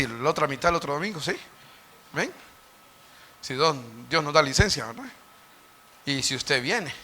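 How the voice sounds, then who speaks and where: A man preaching a sermon as pastor, asking the congregation questions and acting out Bible figures with sudden shouts. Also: on the high side, gravelly. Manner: dramatic, acts out Bible characters with sudden shouts; questions the congregation and answers himself. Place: church sanctuary.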